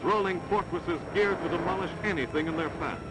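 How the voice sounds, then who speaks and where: An American man delivers emphatic, stirring scripted narration in the style of a vintage newsreel announcer. His voice is a little high and brisk. The old newsreel soundtrack has heavy background noise, with loud music playing underneath.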